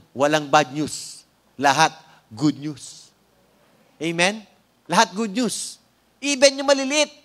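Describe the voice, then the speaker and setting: A high-pitched man with a Filipino accent delivers a church sermon. He keeps checking in with the congregation with "Amen?" and stretches out important words to stress them. Now and then he slips in a light, joking aside. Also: fairly bright tone. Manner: frequent "Amen?" prompts to the congregation; slows down to stress key words. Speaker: preacher. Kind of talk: sermon with opening prayer.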